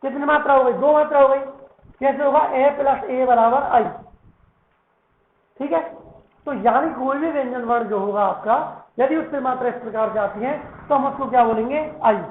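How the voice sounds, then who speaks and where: A man's voice: very high voice, normal speed. A male Sanskrit teacher giving a lesson, who keeps asking questions and answering them himself, and repeats words to drill their pronunciation. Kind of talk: classroom lesson. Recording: echoey room, tinny phone-like sound.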